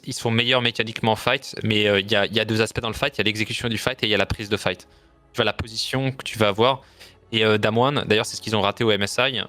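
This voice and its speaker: A man's voice: on the low side, bright, forceful tone. A man giving casual esports analysis, explaining informally and repeating words for emphasis.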